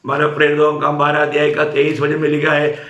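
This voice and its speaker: A man's voice: on the high side, completely flat delivery, fairly quick, fairly bright tone. A man preaching a sermon, speaking emphatically and often checking in with the congregation with tag questions. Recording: echoey room.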